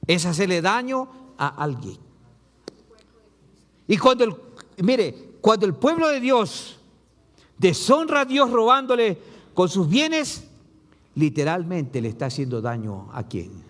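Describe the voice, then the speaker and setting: A man pastor preaching a sermon, reading scripture aloud and asking the congregation rhetorical questions with rising emphasis and low drops. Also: big pitch swings, takes it slowly, pauses often, a bit bright, in a large hall.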